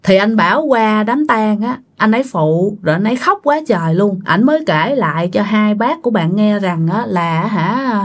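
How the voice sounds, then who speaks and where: Speaking at normal speed with few pauses, a woman with a Southern Vietnamese accent relates a ghost story directly to her audience. Her mid-range voice stays animated, and her tone is relaxed and conversational.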